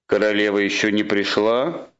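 A man's voice: on the low side, steady tone, moderate pace, a bit bright, lo-fi sound, close to an everyday voice. A man reading a storybook and voicing a fussy old king who grumbles and blusters. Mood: blustering.

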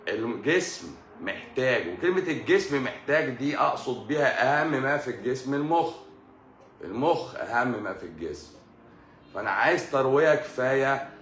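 A man's voice: medium pitch, fairly bright tone. Egyptian man lecturing in an echoey room. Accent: Egyptian Arabic. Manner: repeats key words as questions, greets live viewers in asides. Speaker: doctor giving a live talk. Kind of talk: explanatory live stream lecture. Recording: echoey room with faint music.

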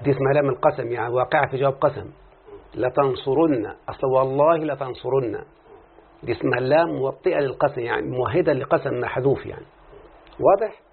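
A man's voice: mid-range voice, racing, gravelly, breathy edge. A man with an Egyptian Arabic accent teaching Arabic grammar in a classroom lesson, explaining step by step and often quizzing his students. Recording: tinny lo-fi phone-like recording.

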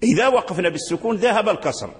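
A man's voice: sits high, animated, very fast, breathy edge, in a large hall. A man teaching Quran readings in an explanatory lecture. He repeats words and restarts often, and sometimes chants the example words.

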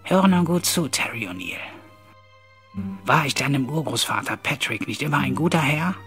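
Audiobook: male reader plays a vain old ghost lord, raised high pitch, loud pompous scolding. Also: lively intonation, normal speed, faint music behind, natural voice. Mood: haughty. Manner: pompous, shouting in anger.

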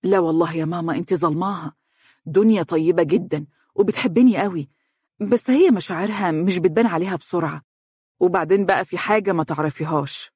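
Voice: medium pitch, fast talker, a little mellow, breathy edge, no echo, clean studio sound, natural voice. A narrator doing a coaxing young Egyptian son. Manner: coaxing, teasing. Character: playful young man, devoted son.

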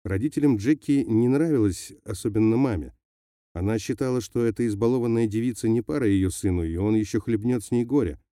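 A man narrating an audiobook in a steady, measured reading voice. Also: on the low side, no echo, studio quality. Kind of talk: scripted narration.

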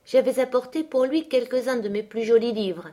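Woman reading a classic novel. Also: fairly high pitch. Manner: measured, expressive reading. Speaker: audiobook reader. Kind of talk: literary audiobook narration.

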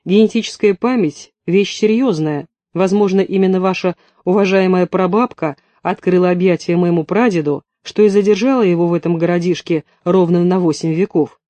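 A man's voice: sits high, a little fast, few pauses, mellow, dry recording, lightly acted. A man reading an audiobook, voicing a playful, mock-courtly young man. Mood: amused.

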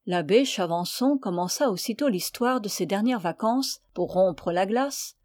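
Woman audiobook reader, measured and expressive, mellow tone, dry close sound. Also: mid-range voice, no echo. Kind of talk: literary audiobook narration.

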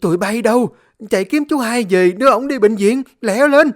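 A middle-aged woman in a panic yells orders in a shrill, piercing voice. A man acts her out, pushing his pitch far up and his volume hard. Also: normal speed. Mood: frantic. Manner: shouting, urgent orders.

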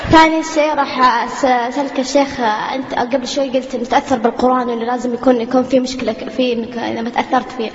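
A woman asks her question very fast and apologetically. Her voice sounds distant and muffled in an echoey hall, with noise behind it. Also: high-pitched, fairly even intonation. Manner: hurried, apologetic. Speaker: audience member asking a question. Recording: muffled roomy recording with noise.

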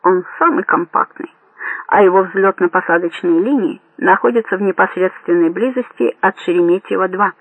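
Calm, careful colonel thinking aloud, read by a man, dry close sound. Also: high-pitched, no room sound, phone-quality sound. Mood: thoughtful. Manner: slow, deliberate, reasoning aloud. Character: measured male colonel, thoughtful and cautious.

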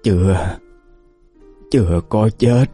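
A man's voice: sits low, slow, dark tone, slightly rough, heavily acted. A man voicing a teasing, shrewd old village wife, with faint music behind. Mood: weak faint.

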